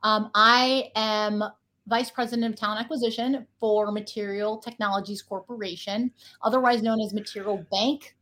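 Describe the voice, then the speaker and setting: Bright-voiced woman, chatty and playful, guest on a podcast. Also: medium pitch, fairly even intonation, normal speed. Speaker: guest, talent acquisition executive. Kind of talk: casual interview talk.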